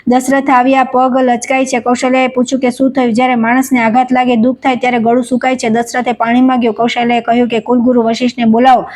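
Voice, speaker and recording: Woman in an even, flat storytelling voice. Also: fairly high pitch, fast talker, hardly any pauses. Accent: Gujarati. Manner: steady recitation, even delivery, quoted dialogue read without acting. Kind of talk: devotional scripture storytelling.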